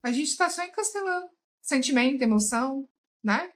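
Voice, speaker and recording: A woman's voice: high voice, animated, normal speed, poor audio. A woman commenting emphatically on a recorded chat, often calling out to her listeners. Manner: emphatic, addresses listeners as "gente". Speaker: therapeutic tarot reader, guest. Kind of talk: casual commentary while watching a recorded chat.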